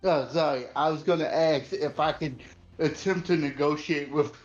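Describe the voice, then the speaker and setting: A slightly high-voiced man takes part in a tabletop game with casual, polite talk. The recording is muffled and lo-fi, with music behind. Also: normal speed. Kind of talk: casual chat. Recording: dull, lo-fi voice channel.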